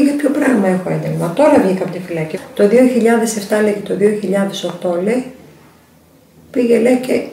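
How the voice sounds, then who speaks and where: A woman's voice: medium pitch, dark tone, reverberant, a little hiss or hum. An older woman, a grandmother, giving an emotional documentary testimony full of quoted back-and-forth. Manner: retells events with many quoted exchanges. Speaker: interviewee, grandmother.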